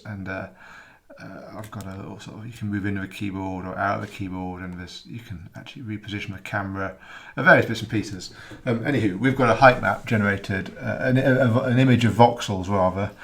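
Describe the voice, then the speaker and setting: A man who is losing his voice, explaining his software in a rambling, casual tutorial full of ums and uhs. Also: on the low side, vocal fry. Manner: rambling, many ums and uhs, self-correcting. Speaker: software developer demonstrating his app. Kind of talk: casual screen-recorded tutorial.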